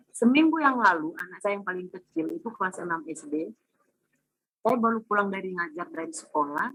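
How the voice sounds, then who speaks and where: A woman giving a casual, animated testimony over a video call, acting out her family's dialogue as she tells it. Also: mid-range voice, husky, no room sound, rough recording. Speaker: testimonial speaker.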